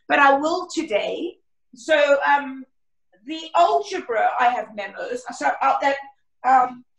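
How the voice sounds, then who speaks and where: A woman maths teacher giving an online lesson on a video call, her voice a bit hoarse and croaky, chatty and encouraging with her class. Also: high voice, a bit bright. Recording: roomy, distant from the mic.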